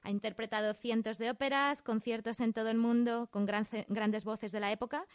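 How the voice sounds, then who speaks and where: A woman's voice: on the high side, steady tone, fairly quick, smooth, dry recording. A woman co-hosting a chatty podcast from a studio, upbeat and jokey. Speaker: podcast co-host. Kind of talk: casual podcast chat.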